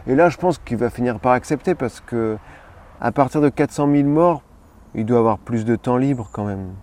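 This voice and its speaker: A man in his thirties in a comedy sketch interview, playing a self-important actor in a deadpan manner. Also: mid-range voice, normal speed. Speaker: comic actor persona being interviewed.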